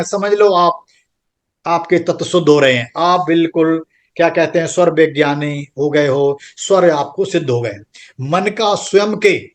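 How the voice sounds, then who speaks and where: A man teaching a spiritual class to an online group, his voice sitting high for a man. He explains slowly and patiently, repeats his points, and keeps checking that his listeners follow. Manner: patient, repetitive explaining with frequent "theek hai". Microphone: computer microphone on an online group call.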